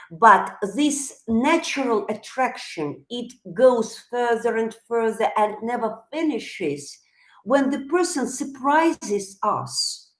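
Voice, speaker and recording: A woman's voice: mid-range voice, reverberant. A woman whose first language is Russian, teaching psychology on a live stream, thinking aloud with frequent hesitations and restarts.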